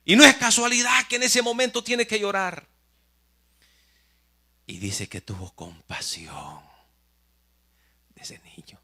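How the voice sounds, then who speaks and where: A male pastor with a high, animated voice preaches slowly and pauses often. He swings between loud exclamations and hushed near-whispers, addressing the congregation directly.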